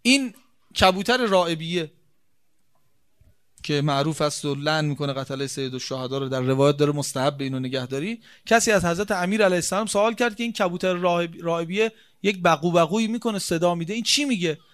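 A male preacher with a high, bright voice delivers a religious sermon. He leans hard on repetition and rhetorical questions, and his volume swings from hushed asides to forceful stresses. His delivery stays emphatic and insistent throughout. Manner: emphatic, repeats key phrases, rhetorical questions.

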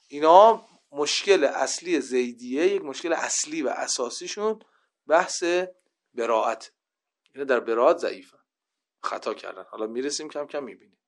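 A man teaching a religious class, reading out Arabic narrations and explaining them, with emphatic rises when he quotes. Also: medium pitch. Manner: lively storytelling, rising to loud emphasis when quoting. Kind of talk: religious lecture.

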